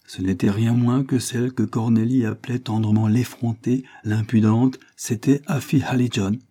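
A man reads a classic novel aloud in a low, mellow voice with a husky edge. His delivery is measured and expressive. He puts on the characters' voices while keeping the narration plain. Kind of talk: audiobook narration.

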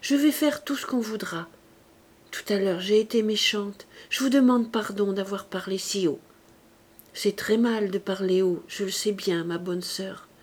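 A woman reading an audiobook, voicing a feverish, dying young mother who demands answers and then pleads softly. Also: medium pitch, a little slow, natural voice. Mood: fervent relieved. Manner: sharp, hoarse outbursts, then hushed and pleading. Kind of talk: audiobook character voice.

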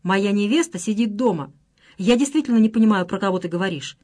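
A woman's voice: medium pitch, lively intonation, quick pace, a little mellow, lightly acted. A woman reading a stiff, bewildered young man.

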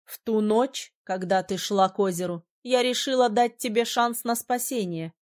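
A woman's voice: mid-range voice, moderate pace, close to an everyday voice. Woman voicing a sneering mermaid villain. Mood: mocking. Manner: sneering, cold threats. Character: menacing female mermaid leader, cruel and mocking.

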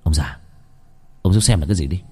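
A man's voice: sits low, fairly quick, darkish tone, voice pushed down. A man voicing a rude, short-tempered grown son who snaps and roars in a horror story. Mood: irritated. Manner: gruff, snapping, roaring.

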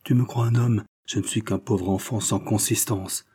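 A guilt-ridden young man pours out his confession to his mother with rising emotion, voiced by a male reader. His voice is dark and husky, sitting fairly low. An audiobook performance of a classic novel. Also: steady tone, moderate pace. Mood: remorseful. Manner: emotional and self-accusing.

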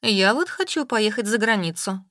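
A woman's voice: mid-range voice, expressive, moderate pace, a bit bright, no echo, studio quality, lightly acted. A woman reading aloud, voicing a vain, glamorous woman of thirty with a breezy, dismissive manner.

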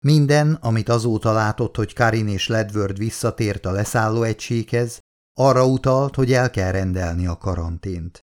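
A man reading an audiobook in a measured, dramatic way. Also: lowish voice. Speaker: audiobook narrator. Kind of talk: scripted narration.

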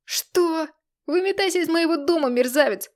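An indignant middle-aged father shouting accusations, loud and shocked, as a woman narrator voices him. He is a figure in a family-drama audiobook, voiced fairly high. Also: lively intonation, fairly quick. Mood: outraged.

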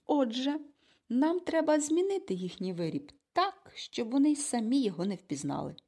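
Woman reading a bossy, brisk audiobook mother. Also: fairly high pitch, very animated, warm tone, slightly rough, pitched above the performer's own voice. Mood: forceful. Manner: emphatic, commanding and impatient.

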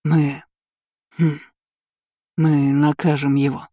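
A man's voice: on the high side, level tone, slow, warm tone, dry recording, clean studio sound. A male audiobook reader voicing a flustered middle-aged nobleman who stammers and then speaks stiffly. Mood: stammering. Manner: stammering, then barking orders.

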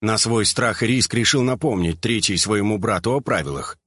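A man narrating an audiobook in an expressive storytelling manner. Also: lowish voice, moderate pace, husky, dry recording, studio quality.

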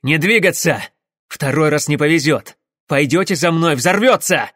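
Brief: male reader as a hysterical wounded engineer, frantic shouting, raised pitch. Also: expressive, moderate pace, dry recording, studio quality.

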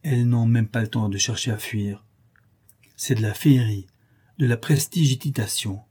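A man narrating an adventure novel as an audiobook in a steady, dramatic storytelling manner. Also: mid-range voice, moderate pace, breathy edge.

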